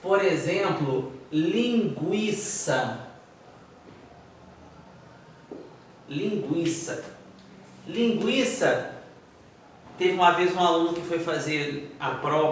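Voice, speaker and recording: A man teaching a Portuguese phonetics lesson, spelling words out slowly and counting letters aloud, and sometimes putting his students' questions to himself. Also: a little high, recorded from a distance, a little hiss or hum. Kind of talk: video lesson explaining phonetics. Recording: echoey room, voice from off-mic.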